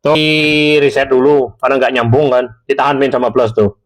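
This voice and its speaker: The audio is poor as a man with a mid-range voice and fairly even intonation talks fairly quickly. He's an intercom seller giving a chatty, informal tutorial, speaking to viewers directly and correcting himself as he goes.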